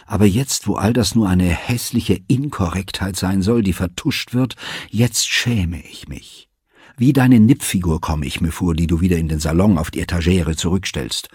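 A proud young noblewoman, bitter and heated, as a man reads her aloud. Her lines come breathy and husky, pitched above the reader's deep register, with a close, dry sound and no room around it. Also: normal speed, darkish tone, dry recording. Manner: passionate, scornful, heated. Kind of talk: audiobook reading.

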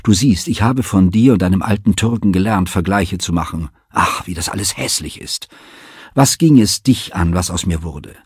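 A proud young noblewoman, bitter and heated, as a man reads her aloud. Her lines come breathy and husky, pitched above the reader's deep register, with a close, dry sound and no room around it. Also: lively intonation, normal speed, darkish tone, dry recording, exaggerated voice. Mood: furious. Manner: passionate, scornful, heated. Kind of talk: audiobook reading.

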